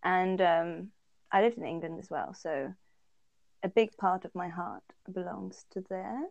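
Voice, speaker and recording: A woman's voice: fairly low pitch, measured pace, creaky, darkish tone, dry recording, dull audio. A woman from the Netherlands co-hosting a casual podcast chat, talking easily, laughing often and thinking aloud with fillers. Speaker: podcast co-host.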